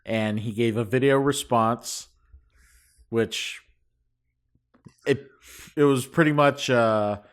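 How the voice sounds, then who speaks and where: Slow, hesitant male news reader. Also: medium pitch, clear, resonant tone. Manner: unhurried, hesitant with ums and uhs while reporting. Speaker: podcast co-host reading the news items. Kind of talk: casual chat.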